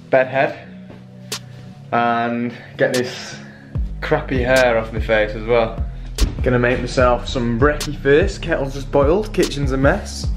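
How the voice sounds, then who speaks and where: A young man from England chatting casually in a self-mocking way as he vlogs his day at home. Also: medium pitch. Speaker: vlogger. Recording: roomy sound with faint music.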